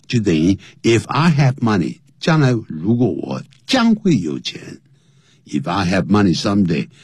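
A man teaching an English lesson, explaining slowly and spelling words out letter by letter, his voice jumping high to stress key points. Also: wildly swooping pitch, a little mellow, breathy edge, no echo, studio quality.

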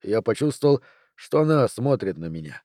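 A man reading an audiobook in calm first-person narration. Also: lowish voice, normal speed, no room sound, clean studio sound. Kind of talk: scripted narration.

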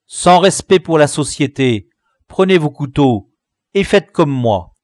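A man reading an audiobook and voicing a boastful, clever village boy with a high, crowing voice. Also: animated, slow pace, darkish tone, no echo, clean studio sound. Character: boastful clever peasant boy, gang inventor. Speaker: audiobook reader.

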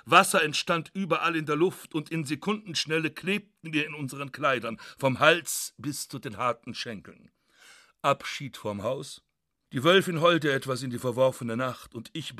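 A man reads first-person literary prose for a radio feature in a measured, quietly ironic manner. His voice sits at a middle pitch, and the dry studio recording keeps it close and plain. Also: no echo. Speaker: narrator.

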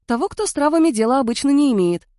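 A woman's voice: high voice, expressive, fast talker, dark tone, no room sound, clean studio sound, pitched above the performer's own voice. A woman voicing a petite, restless young woman who talks cheekily. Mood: cheeky. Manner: giggly, cheeky.

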